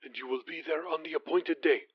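A man's voice: on the high side, slow pace, no echo, lo-fi sound. Man putting on a menacing whispering prince. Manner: hushed then cold and imperious.

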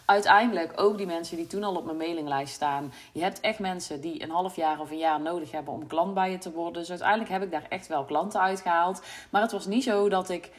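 A woman with a Brabant Dutch accent and a low voice talks through her work on her own podcast. She is candid and reflective, and she pauses on frequent ums and uhs. It sounds like a casual solo monologue. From Brabant, Netherlands. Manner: reflective, candid, many fillers. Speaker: podcast host, business coach.

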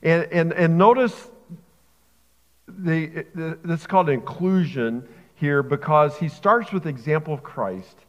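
A middle-aged man preaching a sermon, telling a story earnestly, sometimes growing quiet and emotional, sometimes pressing urgent questions. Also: fairly high pitch, unhurried. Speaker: camp director preaching a guest sermon. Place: church sanctuary. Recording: muffled sound with long hall reverb.

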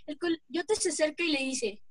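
A woman with a Mexican accent narrating a folk tale in a plain, slightly halting reading voice. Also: high-pitched, no echo. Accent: Mexican Spanish.

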